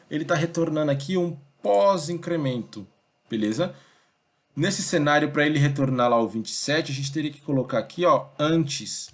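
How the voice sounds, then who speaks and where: A young man teaching a programming lesson in a relaxed, conversational way, thinking aloud and checking in with his students often. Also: fairly high pitch. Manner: conversational, thinks aloud, many fillers like "beleza?" and "ó". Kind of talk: casual screen-recorded coding lesson.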